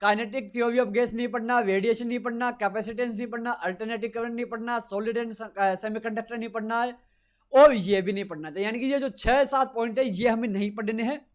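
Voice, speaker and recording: A man's voice: extremely high pitch, fairly even intonation, moderate pace. A man teaching physics in an exam-prep lecture, repeating his points emphatically and reassuring his students. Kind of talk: exam-prep lecture over screen notes.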